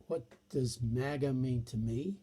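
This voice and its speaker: A man's voice: mid-range voice, a little slow, mellow, slightly rough. A man giving an exasperated comedic monologue with sing-song emphasis.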